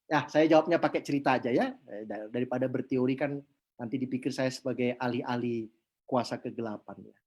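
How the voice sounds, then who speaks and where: A man's voice: mid-range voice, fairly quick. A man preaching a sermon as a pastor, telling stories from his experience and acting out the dialogue in changing voices. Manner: animated, acts out dialogue in different voices. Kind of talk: storytelling sermon.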